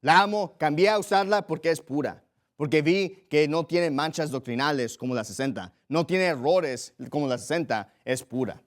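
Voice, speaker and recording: A young man preaching a sermon with a somewhat high voice for a man. He drives his points home, repeating short phrases for emphasis and slowing down to read scripture aloud. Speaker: pastor.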